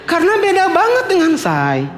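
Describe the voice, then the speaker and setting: A man with a high voice preaches in a church, playful and humorous, often imitating others for laughs. His voice rings through an echoey hall, with faint music behind him. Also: huge pitch swings, normal speed. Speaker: pastor. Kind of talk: sermon.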